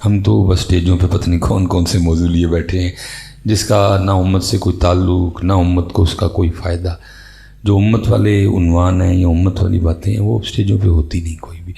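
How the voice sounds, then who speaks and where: A man giving a religious talk at a conference, opening with slow chanted recitation and then preaching in a close, conversational way. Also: low voice, little pitch movement, creaky, dark tone. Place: conference stage.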